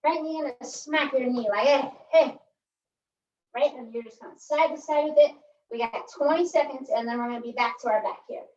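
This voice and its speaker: A woman's voice: high-pitched, a little fast, darkish tone, roomy sound, far from the mic, lo-fi sound. A woman leading a pilates core workout, chatty and upbeat, counting reps aloud while she exercises and often asking "right?". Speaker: pilates instructor. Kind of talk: workout instruction.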